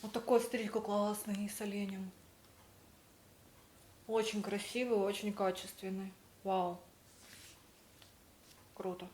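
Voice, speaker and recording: A woman's voice: mid-range voice, flat delivery, measured pace, pauses often, a little mellow, slight background noise. A young woman talking casually to her viewers as a vlogger, telling everyday stories and acting out the dialogue she quotes. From Russian-speaking, living in Spain. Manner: chatty, storytelling, acts out quoted dialogue. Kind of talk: casual vlog narration.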